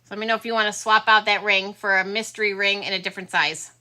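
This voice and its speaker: A woman's voice: mid-range voice, fairly even intonation, fast, pushed and bright. A middle-aged woman hosting a casual live stream, chatting with viewers and sounding tired. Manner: chatty, friendly sign-off to viewers. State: tired, yawning. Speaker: livestream host selling pearls. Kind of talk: casual livestream chat.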